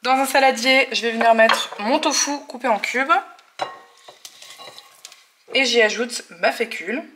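A woman's voice: on the high side, measured pace, pushed and bright. A woman hosting a cooking channel, narrating a recipe in a friendly, explanatory way and giving tips. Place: home kitchen. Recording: roomy echo, faint noise.

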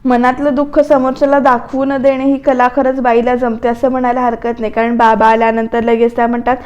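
A woman's voice: fairly high pitch, level tone, a little fast, a little mellow, lo-fi sound. A woman narrating a voice-over recap of a television serial, retelling scenes conversationally with asides to viewers.

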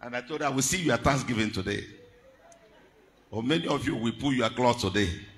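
A man preaching a sermon as pastor of a church, with a Nigerian accent, swinging from shouted peaks to hushed, quiet lines. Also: mid-range voice, brisk.

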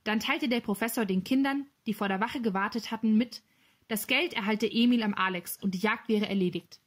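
Lady narrating a kids' audiobook, lively and clear, bit high. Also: fairly quick. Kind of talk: audiobook reading of a children's novel.

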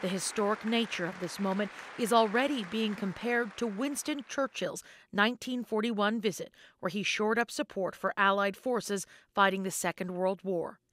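A woman's voice: mid-range voice, moderate pace, a bit bright. A woman narrating a scripted television news report as a correspondent. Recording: crowd and ambient noise behind voice-over.

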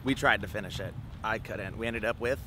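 A young man in his twenties vlogging casually to a handheld camera, relaxed and joking, in his car and a parking lot. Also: lowish voice, a little fast, background noise. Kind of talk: casual vlog chat. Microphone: handheld camera at arm's length.

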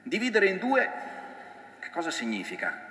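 Bright-voiced priest preaching in an echoey church. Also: male voice, sits high, wildly swooping pitch, normal speed. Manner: reflective, quotes scripture in dramatic voices. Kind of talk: sermon. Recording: echoey church with long reverb.

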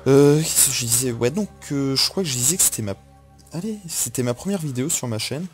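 A man's voice: mid-range voice, expressive, a little fast. A young man chats loosely into his headset mic, tired from a short night, apologizing and muttering to himself as he plays. Faint game music sits underneath his voice. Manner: rambling, apologetic, with self-talk. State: tired after little sleep. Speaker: gaming YouTuber. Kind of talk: casual let's-play commentary.

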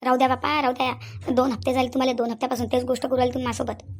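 Woman doing an angry young fiancée, cartoon, Vidarbha Marathi accent, high voice, rapid accusing repeats. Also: flat delivery. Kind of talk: cartoon voice acting.

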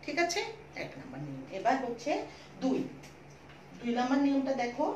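A fairly high-voiced woman teacher with a Chittagonian Bangla accent walks students through a lesson, repeating each rule slowly and patiently. She sounds a little distant from the mic. The room is echoey, with a faint hiss behind her. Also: very animated, a little mellow, dull audio. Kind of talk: online school lesson.

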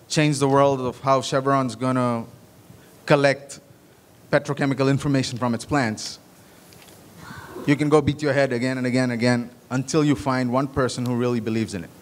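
A man's voice: medium pitch, steady tone, normal speed. A middle-aged man moderating a conference panel through a handheld mic, who makes his points emphatically and draws out some phrases. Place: large conference hall stage. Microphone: handheld microphone.

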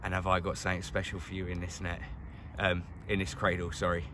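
A middle-aged man chatting excitedly to the camera while fishing by a lakeside, recorded on a handheld camera. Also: low-pitched, fast, slight background noise. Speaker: carp angler vlogger. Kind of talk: casual outdoor fishing vlog. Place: lakeside outdoors, crouched by the water.

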